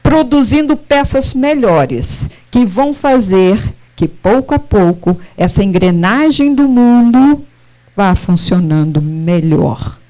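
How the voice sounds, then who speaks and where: Animated woman lecturing. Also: mid-range voice, slow pace. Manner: animated, questions the audience directly. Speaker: spiritist lecturer. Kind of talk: lecture to a live audience.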